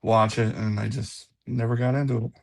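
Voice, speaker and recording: A man's voice: mid-range voice, steady tone, normal speed, gravelly, a little mellow. A man co-hosting a casual chat, easygoing and hesitant with fillers.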